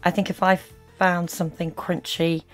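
A woman's voice: lowish voice, level tone, normal speed, faint music behind. A woman giving critical reaction commentary as host, disapproving and full of sarcastic asides.

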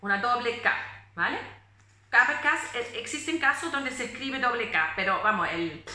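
A woman in her late twenties, a phonetics teacher, giving a pronunciation lesson with slow, deliberate explanations and hesitant fillers. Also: a little high, lively intonation, bright, forceful tone, echoey room. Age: late 20s. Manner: reads German prose aloud in a measured voice. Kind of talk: German phonetics lesson in Spanish.

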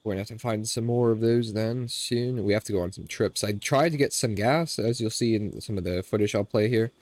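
Fairly quick and on the low side, the young man's nasal voice comes through a headset with no room sound. He's a gaming streamer at home indoors, relaxed as he remarks on his gameplay and refers to viewers as "boys."

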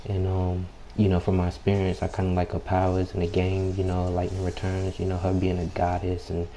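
A young adult gaming YouTuber offers casual, slangy commentary in a deep, low, subdued voice, unhurried and extremely flat. He's laid-back, keeps clearing his throat, and says "you know" a lot. He's at home late at night with people nearby, recorded on a home mic that picks up background noise.

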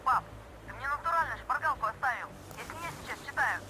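A young boy's voice comes through a field radio, sounding far off and heard through steady background noise. He sticks to eager, clipped radio procedure. His voice sits very high for a male voice. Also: quick pace. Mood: fond. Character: young boy, the colonel's son. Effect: voice over a field radio. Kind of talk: video game dialogue.

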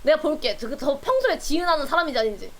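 High-voiced playful woman streamer. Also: big pitch swings, fast. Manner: playful and teasing, laughs often. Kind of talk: casual live-stream chat with viewers.

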